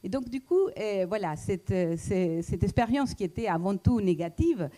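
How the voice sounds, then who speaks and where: A woman with a foreign accent giving a reflective public talk, pausing often with fillers and restarts. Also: medium pitch, animated, dark tone. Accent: foreign accent in French. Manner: hesitant, many fillers and restarts. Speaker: speaker at a talk, economist.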